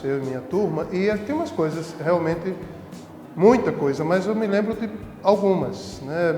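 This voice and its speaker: A man's voice: on the high side, darkish tone. A priest telling funny stories from his ministry in a casual way, laughing easily. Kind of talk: casual storytelling. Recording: echoey room with long reverb.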